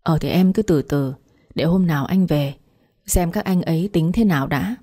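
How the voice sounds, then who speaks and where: A woman's voice: on the low side, normal speed, mellow, natural voice. A woman voicing an exasperated middle-aged village husband who talks in a dismissive, placating way.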